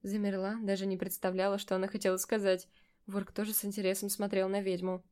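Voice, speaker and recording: A woman narrating a first-person fantasy audiobook in an expressive, emotional reading. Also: mid-range voice, fast talker.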